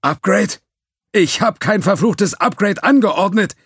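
A man's voice: fairly high pitch, animated, normal speed, a little mellow, husky, dry recording, studio quality, voice pushed up. A man reading an audiobook, voicing an overworked, sarcastic male starship engineer who snaps at everyone. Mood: exasperated. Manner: exasperated, sarcastic outbursts. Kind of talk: audiobook character voice.

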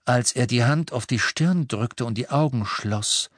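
A man reading an audiobook aloud with measured, dramatic storytelling. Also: mid-range voice, no room sound. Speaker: audiobook reader. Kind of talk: scripted narration. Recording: dry close studio sound.

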